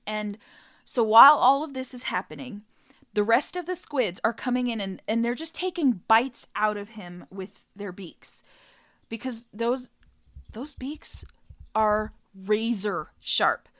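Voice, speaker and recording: Woman podcast host, casual storyteller with a fairly high voice, chatty with laughing asides. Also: expressive, unhurried, fairly bright tone.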